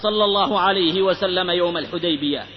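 A man's voice: high voice, quick pace. A man preaching a fervent sermon, telling a moral story in a pleading, rhythmic and rhymed delivery. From Hijaz, Saudi Arabia. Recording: reverberant, dull old lecture recording.

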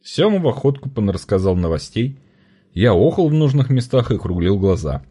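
A man narrating a first-person audiobook in an expressive, colloquial storytelling manner. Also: fairly low pitch, a little fast, husky.

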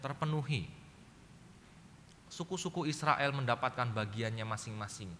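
A man's voice: medium pitch, normal speed. A male pastor with an Indonesian accent delivering a sermon, telling a family story and acting out the voices, often addressing the congregation directly. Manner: keeps addressing the congregation as ladies and gentlemen. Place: church hall. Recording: reverberant church hall with faint noise.

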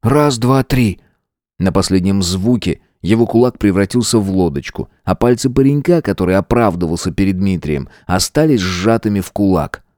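Male audiobook narrator, measured and steady, lowish voice, dry recording. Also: no room sound.

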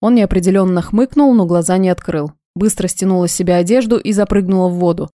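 Woman, audiobook narration, warm mellow voice, dry close sound, steady, expressive. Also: fairly low pitch, fast talker, dry recording. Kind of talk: first-person audiobook narration.

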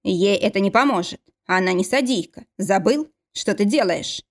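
Woman reading a calm court mage. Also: medium pitch, normal speed. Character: composed male court mage and adviser.

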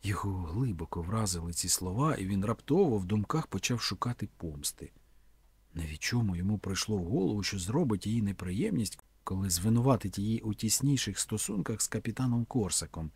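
A man reading a novel aloud in measured, even scripted narration. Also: on the low side, slightly rough, dry recording. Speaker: audiobook reader.

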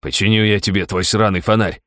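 Sly young bully in a dry, close audiobook read, by a man; deep, soft, menacing. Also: steady tone, brisk, no room sound, natural voice. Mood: placating.

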